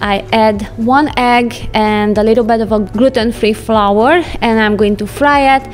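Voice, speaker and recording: Chatty woman vlogger with a higher voice. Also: fairly even intonation, measured pace. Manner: chatty, light laughs, non-native phrasing. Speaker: home vlogger. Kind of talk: casual voice-over narration. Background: soft background music.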